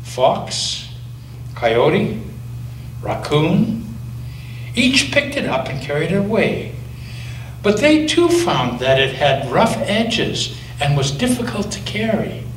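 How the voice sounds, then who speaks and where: A male pastor with a high voice reads a picture book to children, his lilting delivery rising and falling, gentle yet lively, with slow dramatic pauses. He's a bit back from the microphone, so he sounds distant, and the church sanctuary gives strong echo plus faint noise.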